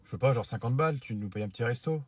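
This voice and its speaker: A man's voice: medium pitch, rapid-fire, background noise. A man playing an exasperated driving instructor in a comedy sketch, scolding his student.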